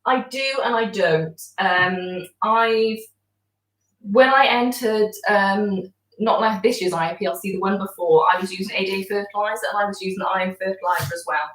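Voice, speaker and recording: A woman's voice: medium pitch, normal speed, a bit bright. Woman, casual explainer, hesitant ums, echoey room, distant mic. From outside Denmark. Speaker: aquascaper. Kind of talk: casual chat while planting a tank.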